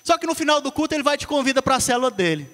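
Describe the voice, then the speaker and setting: High-voiced Brazilian pastor preaching. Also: male voice, racing. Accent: Brazilian Portuguese. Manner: energetic, call-and-response with the congregation. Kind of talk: sermon. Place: church hall. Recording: long reverb of a church hall.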